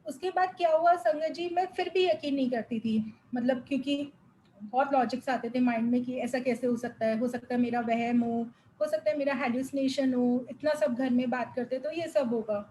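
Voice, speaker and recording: A young woman with a high voice tells a spiritual testimony to a gathered congregation. She speaks earnestly and with feeling, slipping English words into her talk. Faint noise sits behind her. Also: normal speed, mellow, low-quality recording. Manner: earnest, emotional storytelling with English words mixed in. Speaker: devotee sharing a testimony.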